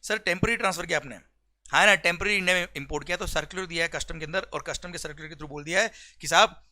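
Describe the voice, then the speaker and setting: Brief: male revision lecturer, Indian English with Hindi, very bright and slightly high voice, quick explanations broken by slow dictated passages. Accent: Indian English mixed with Hindi. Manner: switches between rapid explanation and slow dictated legal text, often asking "clear?". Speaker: teacher.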